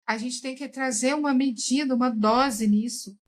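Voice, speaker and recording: A woman's voice: high-pitched, moderate pace, poor audio. A woman commenting emphatically on a recorded chat, often calling out to her listeners. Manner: emphatic, addresses listeners as "gente". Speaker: therapeutic tarot reader, guest. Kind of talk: casual commentary while watching a recorded chat.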